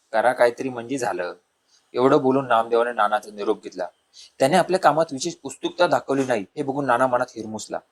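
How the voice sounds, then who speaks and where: A man reading a humorous village story aloud, lifting his voice for the characters' lines. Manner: voices the dialogue with louder, higher bursts.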